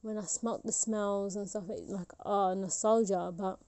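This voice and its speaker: Her voice is mid-range, smooth and darkish, with fairly even intonation and a slightly slow pace. She's a woman in her twenties hosting a podcast alone, thinking out loud in a rambling way with frequent fillers and restarts.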